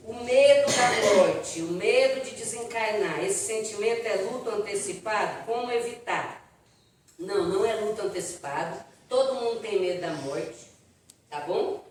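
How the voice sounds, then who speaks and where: A woman's voice: mid-range voice, distant mic. Brazilian woman lecturing in an echoey hall. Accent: Brazilian Portuguese. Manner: chatty, animated storytelling with audience asides. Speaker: spiritist lecturer answering questions. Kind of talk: live lecture Q&A to an audience. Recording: echoey hall, voice from afar, faint noise.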